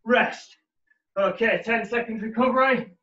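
A man's voice: very high-pitched, a little slow, sharp tone. A man in his thirties, a personal trainer leading a workout while exercising, energetically pushing people on in short gym-bro commands. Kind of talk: live workout instruction. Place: living room, indoors. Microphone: far camera mic across the room. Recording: roomy, muffled, distant home camera audio.

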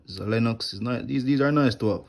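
In a casual tool tour at home on a wooden floor, a young man who works in HVAC explains each tool in his bag plainly, using fillers, as a phone camera held close captures his hands. His mid-range voice is quick and creaky.

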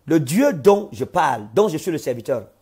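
A man, a pastor, giving a slow, solemn sermon testimony with many repeated phrases. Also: fairly high pitch, very animated, a little mellow, breathy edge. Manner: slow, solemn preaching with repetitions.

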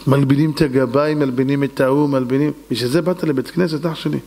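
A rabbi giving a sermon, telling stories and acting out the dialogue dramatically while addressing the congregation. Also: male voice, mid-range voice. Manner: acts out dialogue in a lively, dramatic voice; addresses the audience directly. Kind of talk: storytelling sermon.

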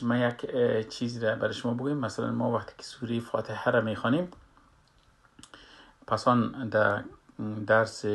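A man's voice: medium pitch, creaky, fairly bright tone. Hesitant man teaching. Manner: hesitant, many drawn-out fillers and pauses. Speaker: Quran recitation teacher. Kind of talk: slow spoken lesson with demonstrations.

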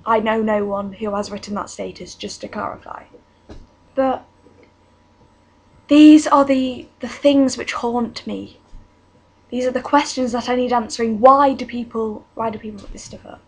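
Teen girl vlogger, fairly high, husky voice, chatty and exasperated. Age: teens. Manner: exasperated, chatty, many restarts and "like". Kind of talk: casual ranting vlog. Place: bedroom at home.

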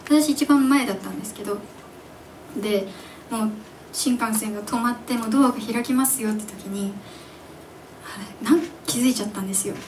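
A young woman in her twenties, a singer chatting with her audience at her own live show, animated and giggly as she tells stories. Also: fairly high pitch, brisk, pauses often. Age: 20s. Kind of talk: casual stage MC chat with the audience. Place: live music venue stage. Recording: distant mic in a live club, faint background noise.

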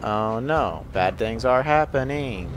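A man's voice: medium pitch, lively intonation, slow pace, music in the background. A man hosting a gaming channel, joking playfully through casual let's-play commentary.

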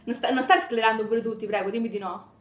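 A woman's voice: on the high side, steady tone, quick pace. A teenage girl from Italy making giggly, teasing phone calls to her fans for a vlog, chatting casually.

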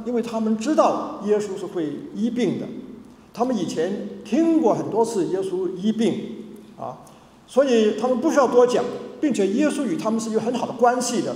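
A man's voice: sits high, sing-song, fairly quick, dark tone. A man from Hong Kong preaching a sermon as pastor, emphatic, with many fillers and restarts. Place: church hall. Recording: echoey church hall reverb.

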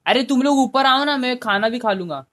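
High-voiced young man chatting on stream. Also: brisk, fairly bright tone. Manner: chatty, talks to chat viewers by name, pleading at times. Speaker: game streamer. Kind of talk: casual live-stream chat. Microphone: headphone mic.

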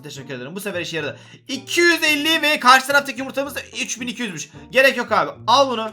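Male gaming host, high and quick, excitable and joking, faint background music. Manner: excitable, joking, talks to viewers. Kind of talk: casual gameplay commentary.

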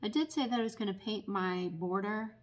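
A woman teaching barn quilt painting at a table in a casual, unhurried tutorial full of ums. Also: medium pitch. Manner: unhurried, many ums, explanatory. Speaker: painting instructor and paint retailer.

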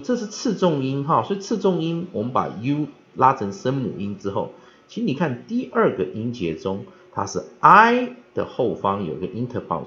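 A man teaching English pronunciation, spelling out letters and repeating each word slowly three times, with many spoken fillers. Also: mid-range voice, a bit bright. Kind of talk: vocabulary pronunciation lesson. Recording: dull lo-fi recording.

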